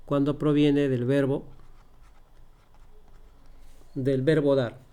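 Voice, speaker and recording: A man teaching a grammar lesson one on one over a call, speaking slowly and patiently, repeating his examples and checking that his listener understands. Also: mid-range voice, flat delivery, dark tone, clear, resonant tone.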